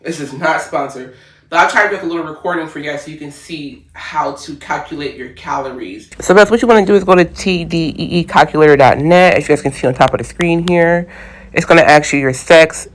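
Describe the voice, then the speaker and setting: A woman's voice: sits low, fast talker. A woman vlogging in a loose, informal way, talking straight to her viewers from her home kitchen. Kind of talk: casual how-to vlog chat.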